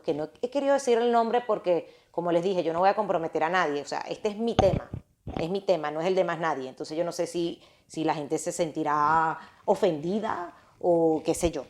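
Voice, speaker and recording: A woman casually telling a personal story to her listeners, animated and often restarting and repeating her phrases. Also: sits low.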